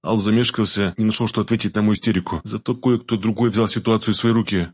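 A man narrating a first-person story in an even, steady reading voice. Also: lowish voice, quick pace, breathy edge, no echo, clean studio sound. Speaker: audiobook narrator.

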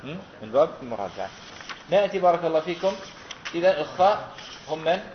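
A man's voice: fairly high pitch, sing-song, fast, slight background noise. A man teaching a class on Quran recitation, asking his students questions and repeating their answers back patiently. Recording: roomy, dull lo-fi classroom recording.

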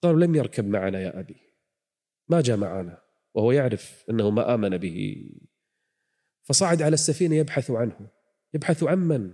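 Dramatic preacher, echoing hall. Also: male voice, a little high. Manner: dramatic, swings from hushed to near-shouted pleading. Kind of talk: dramatic religious storytelling. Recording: long hall reverb.

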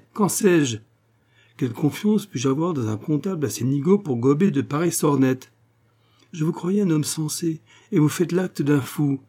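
A man's voice: on the low side, warm tone, slightly rough. A man voicing a cold, sarcastic small-town notary in an audiobook, speaking in an icy, cutting, ironic tone. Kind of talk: audiobook character reading.

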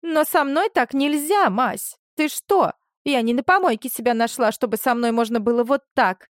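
A woman's voice: sits high, lively intonation, normal speed, no room sound, studio quality, voice pushed up. A woman doing a desperate jilted young woman. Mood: pleading desperate. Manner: pleading, breathless.

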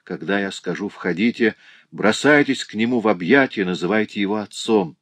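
A man reading an audiobook and voicing an anxious doctor who gives sharp calls and urgent hushed asides. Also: lowish voice, moderate pace, no room sound. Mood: urgent whisper. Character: anxious, commanding male doctor.

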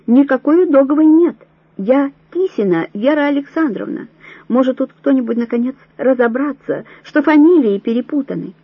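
A woman reading an audiobook voices a desperate young woman prisoner, shouting hysterically in a high strained voice. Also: expressive, moderate pace, slightly rough, no room sound. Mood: indignant. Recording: dull lo-fi dry recording.

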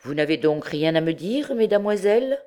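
A woman reading an audiobook, voicing a tall, thin young man who speaks with calm, courteous assurance. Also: lowish voice, moderate pace, voice pushed up, close to an everyday voice.

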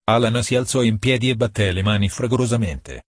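Guy reading a novel aloud, low husky voice, dry close sound. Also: fairly quick, no room sound. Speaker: narrator. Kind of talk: audiobook narration.

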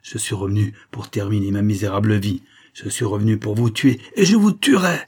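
A man voicing a burly, hoarse peasant who rants with hatred and threatens to kill. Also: lowish voice, level tone, fairly quick. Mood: furious. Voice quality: hoarse, harsh. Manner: ranting, menacing, shouting curses. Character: hoarse vengeful rough male peasant, burly, full of hatred.

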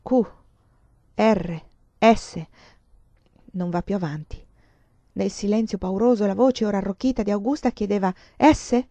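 Woman audiobook reader, expressive, mellow, dry close sound, dull lo-fi recording. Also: medium pitch, unhurried, pauses often, no echo. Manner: expressive, swelling with the drama. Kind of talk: reading a novel aloud.

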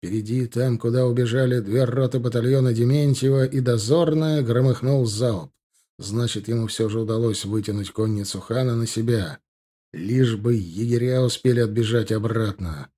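A male audiobook narrator with a dark, mellow voice, telling a war story in a steady, measured way. The delivery is scripted and even, at middle pitch for a man.

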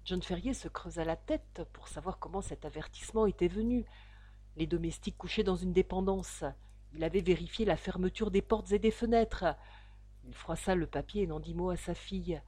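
A woman narrating a classic novel aloud in a measured, steady reading voice, close to the microphone. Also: on the low side, breathy edge, dry recording. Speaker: audiobook narrator.

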